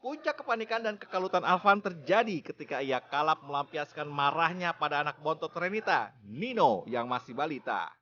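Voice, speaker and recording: A man narrating a crime news reenactment in a grave, measured manner. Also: on the high side, animated, sharp tone, dull audio, a little hiss or hum. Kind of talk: scripted crime report narration.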